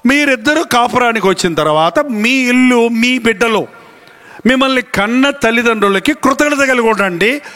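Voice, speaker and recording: Male pastor, high bright voice, animated sermon delivery. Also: normal speed. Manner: animated preaching, acts out voices of family members.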